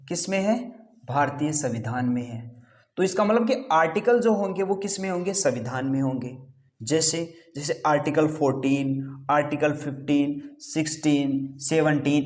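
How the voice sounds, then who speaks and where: A man teaching an exam-prep class, who asks rhetorical questions, answers them himself and repeats key terms. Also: a little high. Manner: repeats key terms, says "ठीक है" often.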